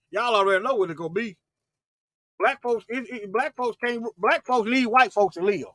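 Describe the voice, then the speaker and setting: A man preaching fervently in a livestream, repeating himself and restarting phrases, swinging between loud emphatic bursts and low asides. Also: normal speed, no room sound, studio quality. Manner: fervent, repetitive, with frequent restarts. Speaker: online Bible teacher.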